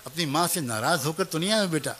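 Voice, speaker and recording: A man voicing a gentle old teacher. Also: on the high side, animated.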